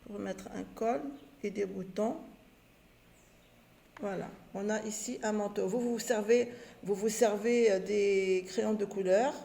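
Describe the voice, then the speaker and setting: A woman teacher giving a patient lesson to young children, sounding out syllables slowly one by one. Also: medium pitch, gravelly, mellow. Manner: slow, patient, spells out syllables. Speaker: primary school teacher. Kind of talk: recorded home-learning lesson.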